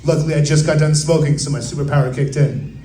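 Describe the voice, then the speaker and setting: A young man tells a rambling, profane stand-up story at an open mic in a relaxed, mellow voice that sits a little high for a man. He drops quickly into quoted voices along the way. The room is echoey, with faint ambient noise behind him. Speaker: stand-up comedian. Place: open mic at a coffee bar. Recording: roomy live venue sound.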